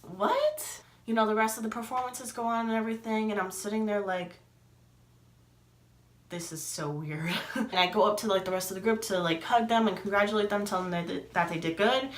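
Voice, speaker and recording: A woman's voice: mid-range voice, fairly even intonation, quick pace. Young woman vlogger, chatty storyteller full of fillers, recorded in a roomy, echoey space. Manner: chatty, many fillers, acts out quoted dialogue. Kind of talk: casual storytelling. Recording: echoey room.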